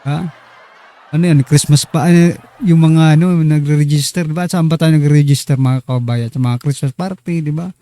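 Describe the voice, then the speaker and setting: A man's voice: a little high, steady tone, normal speed, dark tone, dry recording. A man hosting a casual political commentary show, chatty and teasing as he talks straight to his viewers. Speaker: online news commentary host.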